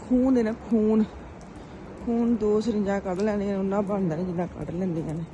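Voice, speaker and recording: A woman's voice: medium pitch, steady tone, a little fast, highs cut off, noisy background. A woman from Pakistan with a Punjabi accent, chatting casually to her viewers as a vlogger and narrating her daily errands. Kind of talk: casual vlog chat.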